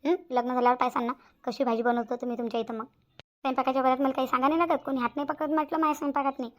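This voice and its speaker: A woman voicing cartoon characters in a fast, chatty, complaining way. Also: high-pitched, little pitch movement. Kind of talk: Marathi cartoon voice acting.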